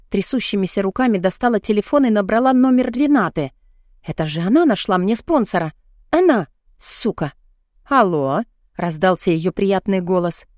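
A woman's voice: darkish tone, dry recording, studio quality. Woman reading a tense audiobook. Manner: tense, panicked, raising pitch in outbursts. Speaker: audiobook narrator. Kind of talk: emotional first-person audiobook narration.

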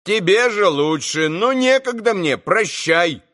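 A man's voice: high-pitched, animated, takes it slowly, a bit bright, voice pushed up, heavily acted. Man doing a cocky mischievous schoolboy. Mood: stern. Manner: curt, superior.

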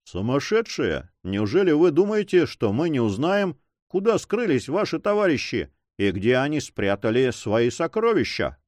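A man voicing a cold, ruthless pirate leader who speaks in an icy, mocking, unhurried way. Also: mid-range voice, sing-song, darkish tone, dry recording, studio quality, close to an everyday voice.

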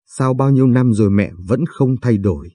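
A man voicing a young woman just out of high school who bitterly reproaches her mother. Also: moderate pace, dark tone, no room sound, clean studio sound, close to an everyday voice.

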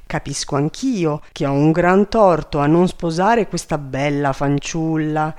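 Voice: mid-range voice, a little slow, a little mellow, smooth, lightly acted. A reader voicing a proud, stubborn young king in a storybook reading, indignant and defiant. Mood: mocking. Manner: defiant, indignant, later mocking.

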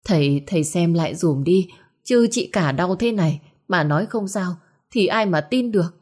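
A woman voicing a sharp-tongued middle-aged third wife who scolds and places blame in a shrill voice. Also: lively intonation, moderate pace, slightly rough. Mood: pleading.

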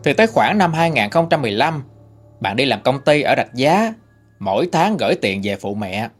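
Lively male storyteller. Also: mid-range voice, normal speed, soft background music. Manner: conversational storytelling. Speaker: ghost story channel narrator. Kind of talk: reading listener-sent stories.

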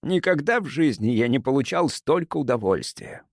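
Man doing a soft-spoken crafty old doctor, calm and sweet, dry close sound, audiobook. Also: mid-range voice, normal speed, no echo. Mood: gentle, fatherly. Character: sly smooth-talking older male doctor.

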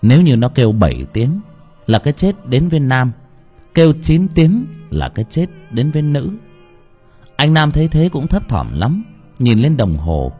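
A man's voice: mid-range voice, sing-song, normal speed, darkish tone, breathy edge, faint music behind. A man narrating a dramatic story as an audiobook reader, with emotive delivery.

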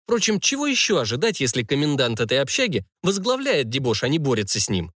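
A man's voice: medium pitch, huge pitch swings, fast, a bit bright, no echo. A man narrating a fantasy audiobook in the first person, with a wry, ironic storytelling manner, recorded on a close mic.

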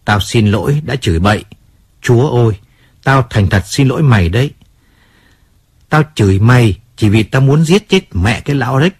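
A man's voice: mid-range voice, husky, no room sound. A man reading the part of a hard-drinking fading male singer in his thirties in an audiobook, swinging between bitter outbursts and pleading apology.

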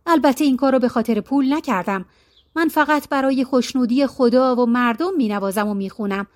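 Woman playing a gentle elderly male music master in a folk tale; soft, caring delivery. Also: a little high, close to an everyday voice. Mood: kindly. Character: kind gentle old bearded male music teacher.

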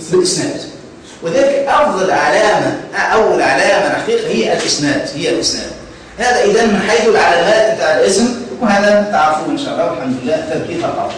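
In a high-pitched voice, a man with a Tunisian Arabic accent delivers a classroom grammar lecture, quizzing students and going back over key words. The recording comes from a distance in an echoey classroom, with slight background noise.

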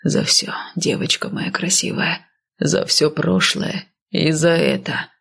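A doomed, stubborn man speaking curtly through clenched teeth, as a woman narrator puts him on. The voice sits low and gravelly with a husky edge. He reads as a grim audiobook character, bound to death and unwilling to bend. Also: steady tone, unhurried, heavily acted. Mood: tender.

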